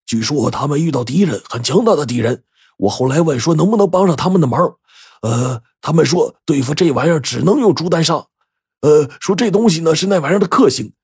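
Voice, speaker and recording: A man putting on a raspy pleading villager. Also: fairly high pitch, animated, brisk, a little mellow, no room sound, clean studio sound, pitched above the performer's own voice, full character voice. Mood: anxious. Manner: stammering, pleading, earnest. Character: anxious rustic village man, pleading, simple-minded. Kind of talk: audiobook character voice.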